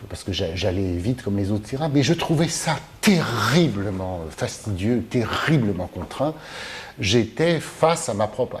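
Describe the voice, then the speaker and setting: A man from the Mediterranean, employed as a film translator and teacher, talks in a lowish, somewhat mellow voice. Answering an interviewer, he pauses to think, hesitates, and restarts often amid fillers. The recording carries faint background noise.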